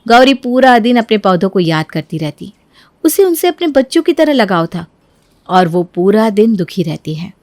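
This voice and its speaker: A woman narrating a family drama storybook in a steady scripted manner. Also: medium pitch, moderate pace, dry recording.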